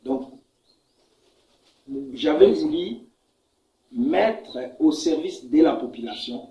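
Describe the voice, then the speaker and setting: This Congolese political leader, accented and from the Democratic Republic of the Congo, replies to an interviewer with emphasis and repeated words. He sounds fairly high, animated, slow and dark-toned. Faint noise sits in an echoey, muffled recording.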